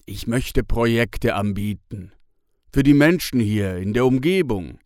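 A man reading a children's story, voicing a friendly, cheerful grown man in a warm, loud way. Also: mid-range voice, animated, a little slow, no room sound, studio quality, natural voice. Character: friendly adult man, cheerful monastery tenant.

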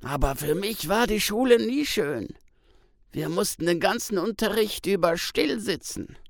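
A man voicing a troubled father who recalls a harsh childhood at school, with a halting, emotional delivery. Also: sits high, lively intonation, creaky, no room sound, clean studio sound, pitched above the performer's own voice, heavily acted. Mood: pained. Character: troubled adult father haunted by school beatings.

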